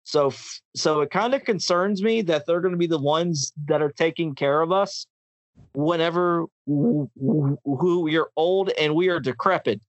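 Male podcast host, impassioned ranter, slightly high voice, dry recording. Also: unhurried, no echo, dull audio. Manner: ranting, impassioned, repeats words and restarts. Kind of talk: casual podcast chat.

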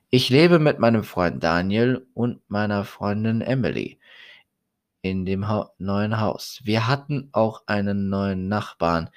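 A man reading a first-person horror story aloud in a slow, deliberate way. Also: on the low side.

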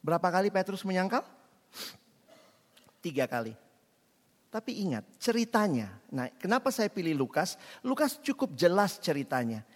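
A man preaching a sermon in an animated way, acting out quoted dialogue and swinging between loud and soft passages. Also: sits high, moderate pace, long pauses. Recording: long hall reverb.

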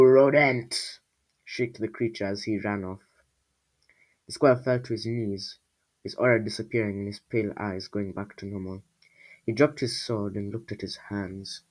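A man reading his own storybook aloud, breaking off into rambling, self-mocking asides. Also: fairly low pitch.

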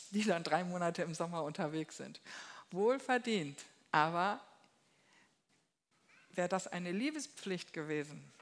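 A woman delivers a relaxed sermon from her seat at a table in a church hall. She speaks in a lively, folksy, down-to-earth way and slips into small acted voices whenever she quotes someone. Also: fairly low pitch. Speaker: lay preacher. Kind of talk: conversational sermon.

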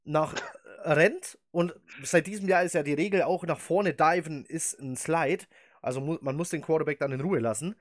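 This football podcast host, a German man in his thirties, has a voice on the high side and talks at normal speed. Chatty and opinionated, he laughs easily, and the studio-quality audio carries no room sound.

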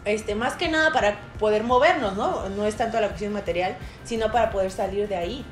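This podcast co-host, a young Mexican woman with a Mexican Spanish accent, tells a personal drama full of fillers, performing the shouted quotes herself. She speaks fairly quickly in a mid-range voice, in a roomy space with soft music playing.

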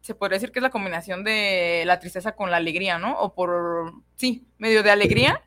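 A young adult woman, a psychologist calmly explaining emotions in a casual radio chat. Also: medium pitch, dry recording. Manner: calm, explanatory, measured. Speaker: psychologist co-host.

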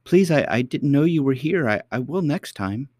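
A man voices a timid little princess girl who stammers and hesitates, pitching his natural voice above its usual medium register. His delivery is expressive and moderately paced, a little mellow, recorded dry at studio quality.

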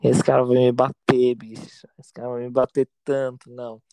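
A Brazilian man with a Brazilian accent tells a wild anecdote in a campy, theatrical way. His voice sits at a middle pitch. The recording is dry and close, with no room sound. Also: level tone, moderate pace, dark tone, no room sound. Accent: Brazilian Portuguese. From Brazil, São Paulo state. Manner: campy, dramatic storyteller with lots of slang asides. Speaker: podcast storyteller. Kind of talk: casual chat, anecdote telling.

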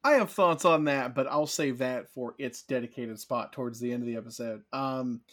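Podcast host, male, even mid voice, reads card text briskly, then quick upbeat opinions. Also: mid-range voice. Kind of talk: casual card-game podcast chat.

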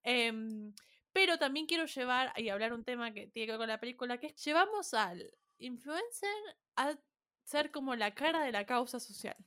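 A woman's voice: high-pitched, animated, moderate pace, pushed and bright. A woman with a Rioplatense Spanish accent, chatting casually as a podcast co-host and dropping in English words. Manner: chatty, laughs often, mixes in English words. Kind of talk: casual chat.

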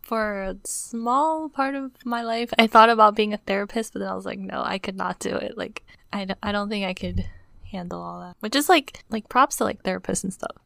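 Close to tears, a young female podcast co-host talks casually and with feeling, leaning heavily on "like." Her medium voice runs a little fast and has a creaky, slightly bright quality, with no echo in the recording.

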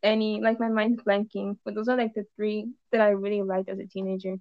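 A woman's voice: mid-range voice, little pitch movement, a little fast, dry recording. Young woman, dull lo-fi dry sound. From Los Angeles, USA. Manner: rambling, many "like"s and trailing restarts. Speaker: musician guest. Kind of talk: casual podcast chat.

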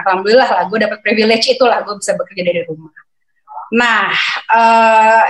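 Middle-aged woman telling a story, kinda high voice, echoey room. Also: fairly bright tone. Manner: chatty, acts out quoted dialogue, frequent fillers. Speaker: guest. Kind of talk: casual personal storytelling. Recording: roomy echo.

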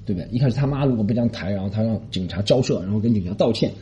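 A man from Shanghai telling a story in a casual monologue, animated, indignant and rambling. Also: fairly low pitch, very fast. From Shanghai, China. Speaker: podcast host. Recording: dull lo-fi recording.

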